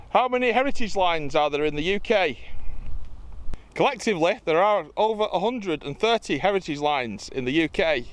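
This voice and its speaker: A man hosts a casual Q&A vlog out in a field. His voice sits high and swings widely up and down, and he keeps a jokey, self-mocking tone. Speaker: host. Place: outdoors in a field.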